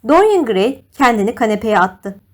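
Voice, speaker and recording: A woman narrating an audiobook in a measured, expressive storytelling manner. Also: fairly high pitch. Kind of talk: scripted narration.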